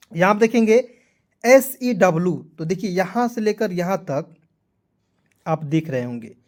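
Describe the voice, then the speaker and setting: Man drilling phonics, chatty and repetitive. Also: high-pitched. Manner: repetitive, spells letters out and drills, asks "clear?". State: sweating in the heat. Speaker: English teacher. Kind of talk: Hindi-language phonics lesson.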